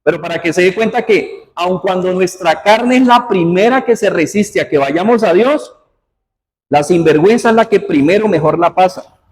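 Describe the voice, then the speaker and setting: A man's voice: high-pitched, normal speed. A man preaching a sermon, reading scripture aloud and prompting the congregation with questions. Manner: asks the congregation questions as he reads; uses formal usted address. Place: church hall. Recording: hall reverb, faint noise.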